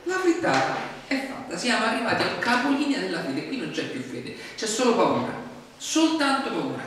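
A man preaching a sermon in a lively, animated way, acting out people's complaints in mock voices. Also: sits high, normal speed, very echoey, in a large hall, recorded from a distance, slight background noise. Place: church hall.

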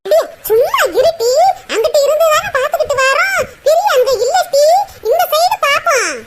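A woman voicing a loud, melodramatic village woman in a cartoon, scolding and wailing with a Tirunelveli Tamil accent. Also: extremely high pitch, lively intonation, moderate pace. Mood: impatient. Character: loud, dramatic village woman Rani, older sister. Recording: loud background noise.

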